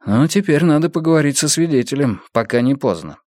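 A man voicing a calm, wry male police detective. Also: a little high, brisk, dry recording, studio quality, close to an everyday voice. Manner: calm and teasing.

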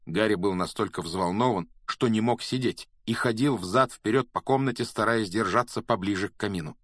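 A man reading a storybook aloud as narrator, in a steady, measured way. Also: on the low side, no room sound, studio quality. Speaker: audiobook narrator.

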